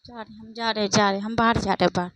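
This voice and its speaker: A woman's voice: medium pitch, steady tone, fairly quick. A young woman making a casual vlog at home at night, speaking fearfully and repeating herself to her viewers. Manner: fearful, repetitive, addressing viewers as friends. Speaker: vlogger.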